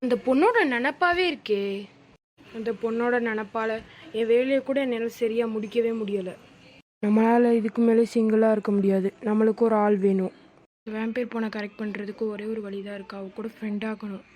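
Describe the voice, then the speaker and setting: A woman's voice: fairly high pitch, steady tone, brisk, darkish tone, natural voice. A woman playing a lovestruck young man who schemes aloud about winning a girl. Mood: lovesick. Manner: dreamy, scheming monologue.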